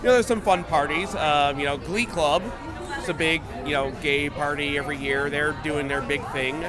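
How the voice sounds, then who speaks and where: A man giving a casual interview outdoors on a rooftop, playful and wry, with halting self-corrections. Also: a little high, steady tone. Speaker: podcast guest, magazine editor. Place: outdoors on a crowded bar rooftop. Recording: music and crowd noise on outdoor rooftop.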